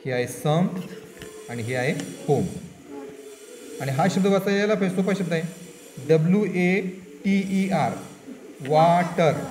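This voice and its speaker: A man's voice: on the high side, unhurried, pauses often, darkish tone, roomy sound. A man with a Marathi accent, teaching English spelling and pronunciation to pupils in a classroom, patiently spelling words out letter by letter. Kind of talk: classroom reading lesson.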